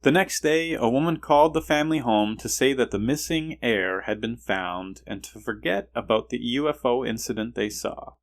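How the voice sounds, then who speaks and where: A man's voice: medium pitch, moderate pace, few pauses. A man hosting a podcast, telling a story and musing aloud, often hesitant and repeating himself as he thinks. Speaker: podcast host. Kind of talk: casual solo podcast storytelling.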